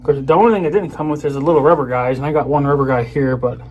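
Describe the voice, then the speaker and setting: A man films a casual unboxing, chatting to viewers about the item in a rambling way that often trails off mid-sentence. His mid-range voice is steady and darkish, delivered very fast. The recording is muffled, with clear background noise.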